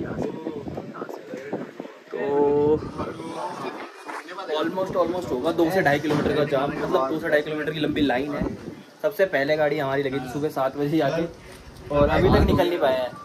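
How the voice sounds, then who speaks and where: A man's voice: on the high side, fairly even intonation, moderate pace, a loud crowd. A man vlogging from a car stuck in a mountain traffic jam, explaining the situation in a matter-of-fact way. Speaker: travel vlogger. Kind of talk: casual vlog chat. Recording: clear car and road noise.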